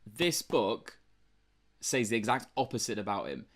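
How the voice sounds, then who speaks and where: A man's voice: lowish voice, big pitch swings, a little slow, fairly bright tone. A young British man co-hosting a book review chat, talking casually and rambling with lots of fillers and restarts. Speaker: book review podcast co-host.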